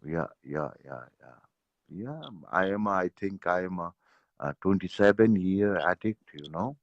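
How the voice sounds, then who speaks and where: A middle-aged man comes through a dull, lo-fi phone call, dry and close. He speaks very slowly in halting English, leaning on "yeah" and "you know." His voice sits low for a man. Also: dry recording. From Nepal. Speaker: guest on a call-in stream. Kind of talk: casual video call chat. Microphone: phone without earphones. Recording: dull lo-fi video call audio.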